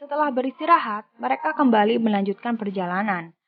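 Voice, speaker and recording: A woman reading a scripted film plot recap in an even storytelling manner. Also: fairly high pitch, a little fast, dry recording. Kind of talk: scripted narration. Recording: dull lo-fi voice-over with music.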